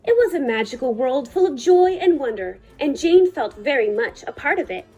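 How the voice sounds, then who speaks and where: Female storytime reader, high and very melodic, soft-toned, deliberate phrasing, faint music underneath. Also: expressive, lo-fi sound. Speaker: librarian reading a picture book aloud. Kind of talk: children's storytime read-aloud.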